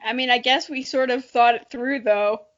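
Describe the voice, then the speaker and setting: Speaking at normal speed in a fairly high, steady voice, a giggly podcast co-host jokes at her own expense, chats loosely, and reads a story aloud with amateur drama. The sound is lo-fi.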